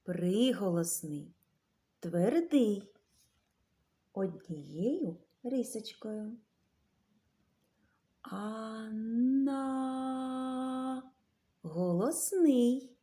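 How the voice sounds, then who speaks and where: A woman leads young children through a literacy lesson. She talks slowly and sounds words out syllable by syllable. Her pitch swings up and down in a lively, animated way. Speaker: teacher.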